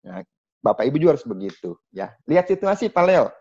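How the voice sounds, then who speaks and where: A man running an online sales training from home, explaining in a lively, chatty way and talking straight to the participants. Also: lowish voice, fast, slightly rough. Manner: lively, chatty, addresses participants as Bapak Ibu. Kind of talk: online training talk over video call. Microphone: video call. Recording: dull, dry video-call audio.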